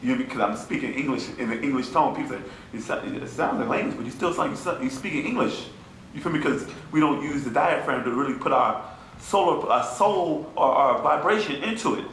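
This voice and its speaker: A man teaching an informal class to a small audience. He talks in an animated, mocking way and keeps asking his listeners "you feel me?". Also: medium pitch, brisk. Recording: echoey room with faint ambient noise.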